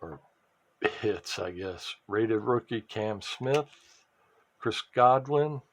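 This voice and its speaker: Slow, low-voiced man opening cards. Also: animated. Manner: rambling, restarts and trailing asides. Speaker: sports card collector and fantasy football vlogger. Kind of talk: casual commentary while opening a card pack.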